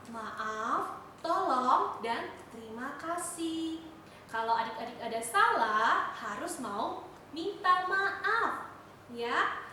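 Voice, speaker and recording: A young woman leading a Sunday school lesson for children, talking in an animated, sing-song way. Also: sits high, heavy reverb, far from the mic, a little hiss or hum, rough recording. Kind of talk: children's sermon.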